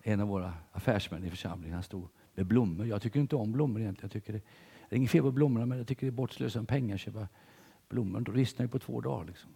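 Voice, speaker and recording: Older guy preaching in a church, husky dark voice, goes loud then real quiet. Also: on the low side, few pauses, long reverb tail. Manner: animated storytelling, swings between loud and hushed. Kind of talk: sermon.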